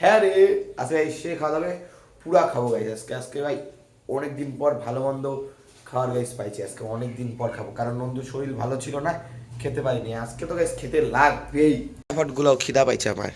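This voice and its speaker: A young man chatting to viewers while filming a casual phone vlog at home and on local roads, slightly hoarse. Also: mid-range voice, fast. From India. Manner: chatty, addresses viewers as "guys". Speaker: vlogger.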